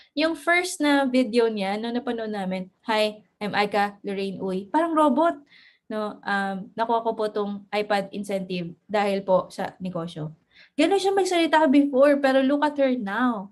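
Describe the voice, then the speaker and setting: A woman coaches her team in a relaxed, motivational lesson. Her voice sits a little high, and she switches between languages easily. She laughs often and sometimes stumbles over her words. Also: moderate pace. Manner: mixes English into Filipino, laughs often, stammers. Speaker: network marketing mentor.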